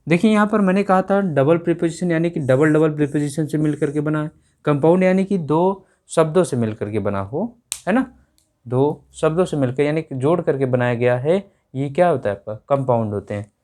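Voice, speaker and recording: A man's voice: on the high side, normal speed, darkish tone. A male explaining grammar in a classroom lesson, repeating each point back as a question to his students. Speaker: English teacher.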